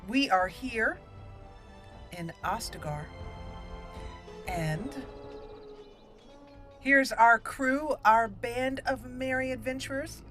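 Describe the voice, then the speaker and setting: Playing through a game on her channel, a woman chats casually and thinks out loud in let's-play fashion. Her voice runs on the high side, slow and full of long pauses, laid as a voice-over on loud game music.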